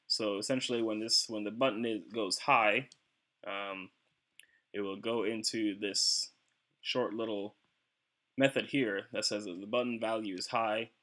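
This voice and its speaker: A young adult man, a hobbyist, walks through an informal tutorial at a desk in a small indoor room, sounding a little hesitant. His voice is fairly low, pushed and bright, with fairly even intonation and a slightly slow pace. Faint background noise and clicks can be heard.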